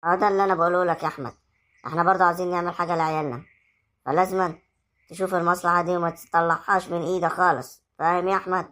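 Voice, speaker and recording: A woman's voice: lowish voice, steady tone, rapid-fire, fairly bright tone, close to an everyday voice. Woman playing a coaxing Egyptian young wife. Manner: coaxing, insistent. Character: young scheming wife, pushy and persuasive. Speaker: actor in a web drama. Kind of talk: amateur village drama acting.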